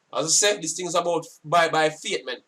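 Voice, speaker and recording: A Jamaican man giving casual sitdown commentary on scripture, forceful and scolding, often repeating himself. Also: a little high, distant mic. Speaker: religious commentator.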